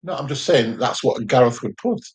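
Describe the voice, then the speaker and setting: A man's voice: medium pitch, lively intonation, brisk, slightly rough. Jokey man with a Hull accent. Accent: Hull, Yorkshire English. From Hull, England. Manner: jokey, laughs often, greets viewers. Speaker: livestream co-host. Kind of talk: casual live chat.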